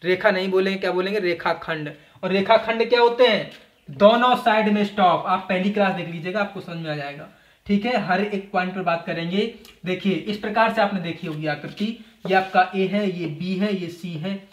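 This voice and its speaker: A man's voice: high voice, normal speed, a bit bright. A man teaching a geometry class in a coaching classroom, asking the students questions and answering them himself, with a lot of repetition. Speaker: maths teacher. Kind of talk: classroom lecture. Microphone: camera in front of him.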